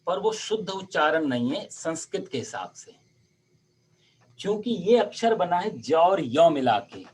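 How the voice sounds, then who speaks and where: Patient male Sanskrit teacher, slightly high and husky, spells out sounds slowly on a call. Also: sing-song, darkish tone. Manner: patient, explains sounds by drawing them out slowly. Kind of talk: online Sanskrit pronunciation lesson.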